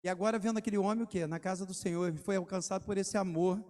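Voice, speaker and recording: High-voiced Rio-preaching pastor. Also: male voice, fairly even intonation, racing, darkish tone. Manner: preaching with rhetorical questions and testimony stories. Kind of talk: sermon.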